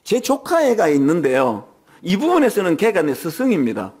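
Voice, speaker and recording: High-voiced, lively older male pastor. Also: normal speed, breathy edge. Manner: conversational preaching with personal anecdotes and humor; frequent rhetorical questions to the congregation. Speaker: senior pastor. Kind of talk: Sunday sermon. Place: church sanctuary.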